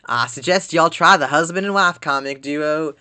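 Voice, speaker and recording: A man's voice: a little high, normal speed, bright, forceful tone, clear, resonant tone. A man reading game text as a folksy writer who chats in a homespun way and says "y'all". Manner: chatty, homespun, drawling "y'all". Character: folksy article writer bragging about local food. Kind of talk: reading game dialogue aloud.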